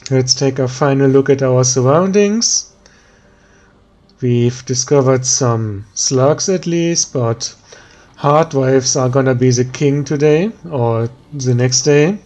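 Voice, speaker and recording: A man with a German accent giving tired, slow let's play commentary, thinking aloud with many pauses and ums. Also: mid-range voice, darkish tone. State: tired, yawning. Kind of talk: relaxed gameplay commentary.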